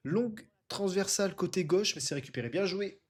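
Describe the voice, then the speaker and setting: A man giving excited sports commentary as a streamer, exclaiming and repeating his calls. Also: sits high, fairly quick.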